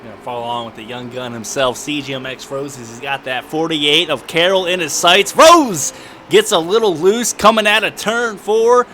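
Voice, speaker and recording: A man calling a sim racing league race with lively play-by-play and jokey, folksy banter. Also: a little high, moderate pace, noisy background. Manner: folksy, jokey, says "I'll tell you what" a lot.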